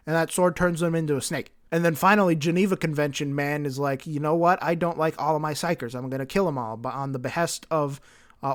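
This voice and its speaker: A man giving a rambling, flippant comedic summary of a story. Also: fairly high pitch. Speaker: lore video creator.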